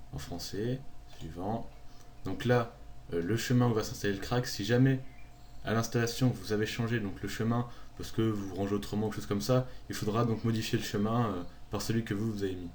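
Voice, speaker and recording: A man narrating a screen-recorded software tutorial, calmly walking through each click step by step. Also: on the low side, a little hiss or hum. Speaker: tutorial maker.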